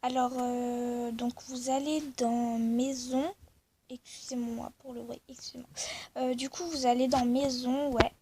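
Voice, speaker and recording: A woman's voice: on the high side, level tone, measured pace, dark tone. A young woman casually commenting on a game she plays, rambling with many fillers. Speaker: gaming video creator. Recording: faint background noise.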